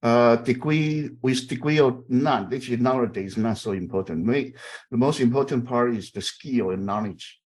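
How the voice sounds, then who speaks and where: This middle-aged man from Taiwan is a university instructor running an online class by video call, chatting casually with lots of fillers and repeated okays. His medium-pitched voice is a little mellow and moves at a moderate pace.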